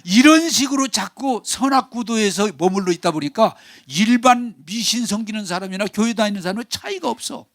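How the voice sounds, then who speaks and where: An older man preaching a sermon as pastor, animated, acting out pleading voices and having the congregation repeat after him. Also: sits high, fairly quick, few pauses, no room sound, studio quality.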